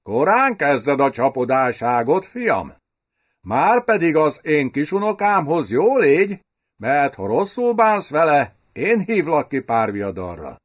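A man's voice: fairly high pitch, sing-song, voice pushed up. A man doing an old, indulgently scolding king. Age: older. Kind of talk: audiobook character voice.

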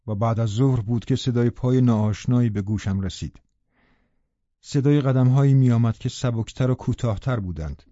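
A man reading a classic novel aloud as an audiobook narrator, slow and measured. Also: mid-range voice, dark tone, no room sound. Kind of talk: scripted narration. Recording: dry, slightly dull home recording.

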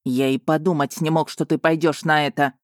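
An audiobook reader voicing a blunt, easily riled male werewolf with a gruff, growling manner. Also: medium pitch, fairly even intonation, a little fast, no echo, studio quality, natural voice. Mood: accusing. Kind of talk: audiobook character reading.

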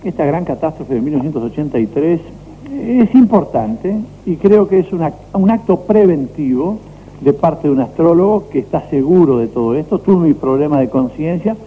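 A man's voice: fairly high pitch, lively intonation, moderate pace, slight background noise. A man with a Uruguayan Spanish accent, an astrologer being interviewed on radio, speaking in a friendly, chatty way. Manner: friendly, chatty, uses fillers like "este". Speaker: astrologer guest. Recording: tinny phone-like radio recording.

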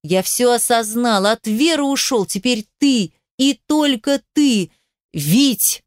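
A woman's voice: on the high side, animated, slow, dry recording, studio quality. A woman voicing a self-important man, the narrator's ex-husband, who grumbles, sulks and takes offense. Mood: pompous.

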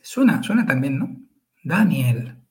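A man's voice: on the high side, big pitch swings, measured pace, gravelly, a little mellow. A man, co-hosting a podcast chat and explaining pronunciation carefully, syllable by syllable. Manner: careful and methodical, spells out syllables.

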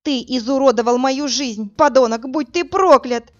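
Audiobook woman voicing a desperate young woman, tearful, raised high voice, slightly muffled recording. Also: moderate pace, soft background music, lightly acted. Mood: furious. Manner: tearful and pleading, then screaming in anger.

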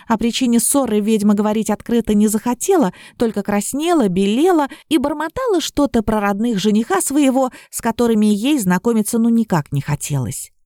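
A woman narrating a fairy tale in the first person, with a mellow, dark-toned voice and even delivery. The read is close and dry, with no room around it. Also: on the high side, fairly quick, hardly any pauses, no room sound. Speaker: audiobook reader.

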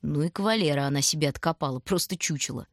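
A woman voicing a proud, touchy young girl in an audiobook, shouting desperately over a crowd. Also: low-pitched, fast, no room sound, studio quality. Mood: scornful.

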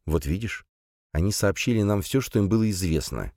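A male narrator voicing a composed woman who speaks slowly and calmly. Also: deep voice, no echo, studio quality, pitched above the performer's own voice. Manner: slow, calm. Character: composed, level-headed woman.

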